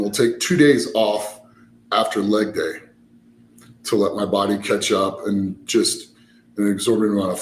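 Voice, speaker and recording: Low-voiced man, rambling, in a roomy space. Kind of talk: casual conversational storytelling. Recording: roomy echo, background noise.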